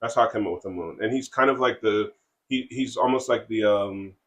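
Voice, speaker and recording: Low-voiced man chatting, halting. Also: fairly bright tone, lo-fi sound. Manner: halting, many fillers and restarts. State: has the hiccups. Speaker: comic creator and co-host. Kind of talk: casual podcast chat.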